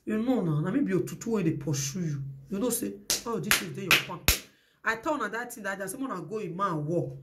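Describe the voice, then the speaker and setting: A woman speaking Nigerian Pidgin English, ranting at her followers with a confrontational, threatening delivery and loud bursts. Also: on the low side. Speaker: social media vlogger. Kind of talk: heated rant to followers.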